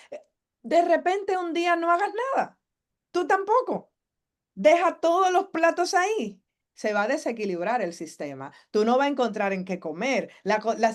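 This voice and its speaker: A woman's voice: on the high side, a little mellow. A woman psychologist giving a live masterclass to mothers. She asks the audience questions and acts out the lines of family members.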